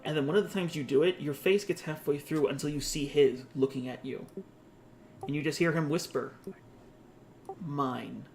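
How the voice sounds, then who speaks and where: Male game master, fairly high voice, vivid second-person narration, chuckles. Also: fairly even intonation, fairly quick, a little mellow, a little hiss or hum. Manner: descriptive, second-person scene narration with laughs.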